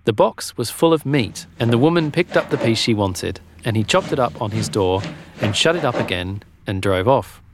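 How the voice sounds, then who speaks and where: A man narrating a children's storybook in a gentle, expressive way. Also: medium pitch, moderate pace, noisy background.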